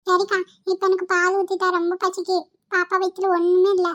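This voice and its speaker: A woman's voice: extremely high pitch, completely flat delivery, fairly quick, pitched above the performer's own voice. A woman voicing a small hungry boy in a cartoon who whines and pleads like a young child. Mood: whiny.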